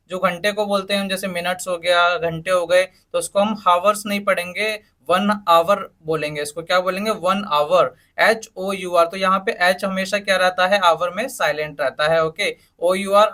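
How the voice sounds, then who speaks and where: A man teaches an English lesson in a high, bright voice. He spells each word out letter by letter and keeps asking questions that he answers himself. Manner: asks rhetorical questions and answers them, spells words letter by letter. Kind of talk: spoken English lesson in Hindi.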